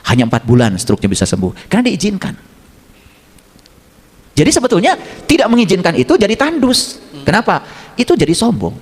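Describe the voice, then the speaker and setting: A middle-aged male religious teacher gives a brisk, lively sermon. His voice is fairly high and swoops widely as he quizzes his listeners. A long hall reverb trails behind every phrase. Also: breathy edge. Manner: animated, asks the audience questions and acts out dialogues. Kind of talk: informal sermon to a congregation.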